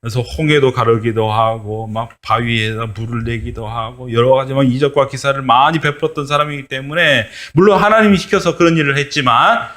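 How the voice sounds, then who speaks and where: A man's voice: mid-range voice, brisk, hardly any pauses, fairly bright tone. Male pastor giving a children's sermon, telling a story and putting questions to the kids.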